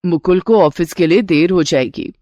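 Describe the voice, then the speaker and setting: A resourceful middle-aged mother-in-law from an animated storybook, as a woman voices her. She speaks lower and steady, calm and motherly, with a matter-of-fact way of handling every problem. The sound is dry and close. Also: moderate pace, dry recording, natural voice. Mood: reassuring. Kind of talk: storybook character voice.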